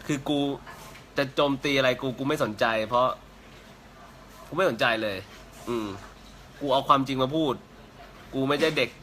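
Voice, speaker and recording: A man hosting a live stream, ranting crudely with calm stretches between outbursts. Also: mid-range voice, moderate pace, pauses often, slight background noise. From Thailand. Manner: crude, shouting insults with laughter. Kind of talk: profane live-stream rant.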